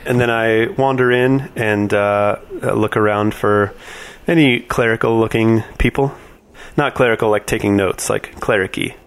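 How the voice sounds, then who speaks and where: A man chatting casually as a tabletop game player, working out his moves in a halting way. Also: lowish voice, steady tone, smooth. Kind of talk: casual improvised game chat.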